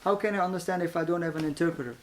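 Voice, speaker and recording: A man from Iran tells his faith testimony in a lively, casual way, full of restarts and bursts of laughter. His voice sits a bit high for a man. Faint noise hums under the recording. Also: racing. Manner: animated, laughs often, acts out voices in quotes; repeats words and restarts. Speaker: guest giving a testimony.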